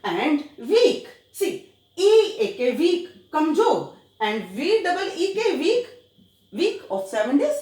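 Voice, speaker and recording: Indian woman, English teacher, high voice, spells words out slowly, echoey room. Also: sing-song, warm tone. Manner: spells words letter by letter, mixes Hindi and English, laughs often. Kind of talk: grammar lesson in Hindi and English.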